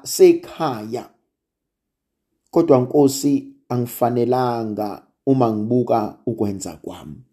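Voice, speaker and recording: Zulu south african preacher doing a sermon, dark mellow voice, repeats phrases to build up. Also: medium pitch. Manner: repetitive, rhetorical build-up. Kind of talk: sermon with prayer quotations and testimony.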